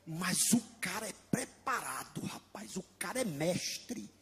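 A man with a Brazilian Portuguese accent voicing the apostle Barnabé as a soft-spoken man who murmurs low in a sermon. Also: animated, measured pace, slightly rough, full character voice. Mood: pondering.

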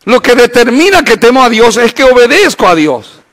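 A male pastor, preaching a Bible study in an animated way, acting out imagined voices and asking the listeners rhetorical questions. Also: very high-pitched, moderate pace.

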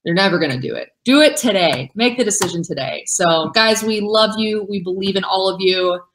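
A woman co-hosting a business webinar in a casual, excited, upbeat way. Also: mid-range voice, a little fast, slight background noise. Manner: excited, upbeat, says she is yelling. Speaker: webinar co-host.

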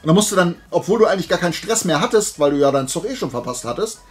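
This flea market haul host chats anecdotally, vlog-style, slipping into little bits of acted dialogue as he tells his stories. His voice is high, animated and breathy, and he talks very fast over soft background music. Days of nonstop talking have left him dry-throated and worn.

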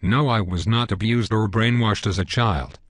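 A man's voice: lowish voice, normal speed, close to an everyday voice. A synthetic male voice playing a hesitant, reasonable guest in a scripted satirical cartoon interview, speaking earnestly and stiffly.

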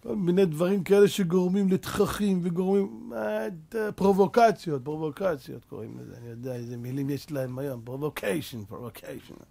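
A man's voice: sits high, steady tone, vocal fry, few pauses, warm tone. A man preaching a Torah sermon as a rabbi, fervent and full of rhetorical questions, mixing street slang with scripture.

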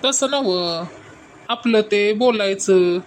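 In a comedy sketch, a woman voices a bumbling middle-aged husband who stammers, dodges and tries to smooth things over sheepishly. She speaks slowly in a mid-range voice with light acting, and there's a slight hiss or hum behind her.

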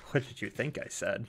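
A man's voice: mid-range voice, background noise. A man hosting a gaming channel, chatting casually and joking with a friend while they play a modded game, chuckling often.

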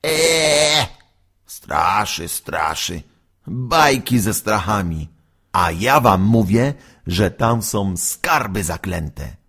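A man's voice: on the low side, big pitch swings, drawn-out words, fairly bright tone, breathy edge, exaggerated voice. A man voicing a mischievous ten-year-old boy in a storybook, cheeky and conspiratorial. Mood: teasing. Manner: cheeky, secretive whispering.

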